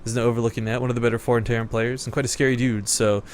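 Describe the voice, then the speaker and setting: A man's voice: medium pitch, flat delivery, very fast, a little hiss or hum. Chatty upbeat male esports caster. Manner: chatty, laughs often, upbeat. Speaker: esports commentator. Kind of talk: casual play-by-play commentary.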